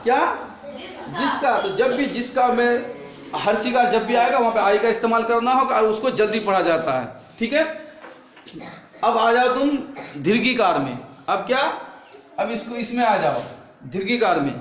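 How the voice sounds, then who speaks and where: A man's voice: very high voice, animated, measured pace, a bit bright, reverberant. A man teaching a spelling lesson to a class, drilling words and asking his pupils questions over and over.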